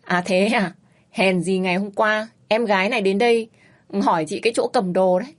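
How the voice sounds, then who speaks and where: A woman's voice: medium pitch, fairly even intonation, moderate pace, natural voice. A woman voicing a friendly older woman street vendor who speaks in a chatty, soothing way. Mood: easygoing.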